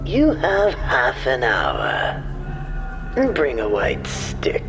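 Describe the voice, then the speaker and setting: An actor playing a gleeful, sadistic clown villain in a comic-book audio drama, with a theatrical, mock-tender drawl. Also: male voice, medium pitch, wildly swooping pitch, drawn-out words, gravelly, over music, exaggerated voice. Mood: cruel taunting.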